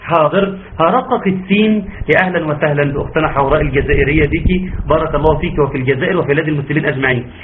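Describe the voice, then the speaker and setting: A man with an Egyptian Arabic accent who teaches Quran recitation in an online class. He stretches out his fillers and slowly demonstrates each sound. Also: a little high, a little hiss or hum. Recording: tinny phone-like line, faint ambience.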